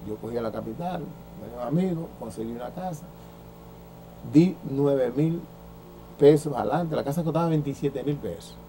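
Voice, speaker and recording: A Dominican man in his sixties, a former baseball pitcher, telling stories in an interview and acting out the dialogue he quotes. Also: quick pace, hardly any pauses, slight background noise. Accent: Dominican Spanish. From Dominican Republic. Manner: lively storyteller who acts out quoted dialogue, with frequent restarts. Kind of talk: anecdotal storytelling in an interview.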